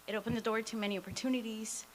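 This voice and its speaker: A woman in her twenties, a dual immersion teacher whose first language is Spanish, reads a prepared public comment at a school board meeting. Her slightly high voice is very fast and fairly even in intonation, with occasional fillers. The recording is rough, with slight background noise.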